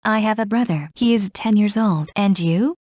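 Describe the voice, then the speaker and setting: A woman reading scripted English practice dialogues in a slow, clear drill delivery. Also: mid-range voice, a little mellow, no room sound. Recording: muffled lo-fi recording.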